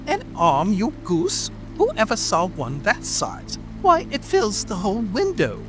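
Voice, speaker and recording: A man's voice: sits high, wildly swooping pitch, unhurried, exaggerated voice. A man voicing an irritable, bossy rabbit master in a dramatic audiobook, snapping out angry orders. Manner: angry, imperious, exclamatory. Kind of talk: dramatic audiobook character acting. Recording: music and rain ambience behind. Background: music, rain.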